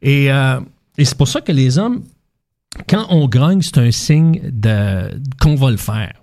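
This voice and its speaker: A man with a Québécois accent talks through relationship advice in a relaxed conversation. His tone is mellow and dark, and he keeps acting out little scenes to make his point, restarting his sentences as he goes. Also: mid-range voice, slow pace. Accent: Québécois French. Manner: explains with concrete examples and acted-out quotes. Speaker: guest relationship advisor. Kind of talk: casual explanatory chat.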